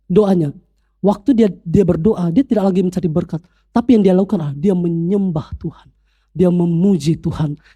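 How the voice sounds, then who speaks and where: A male pastor preaching from a church pulpit, repeating his phrases and climbing into animated emphasis. His voice is mellow and warm-toned, never sharp. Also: sits high. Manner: repetitive, rising to animated emphasis. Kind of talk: sermon.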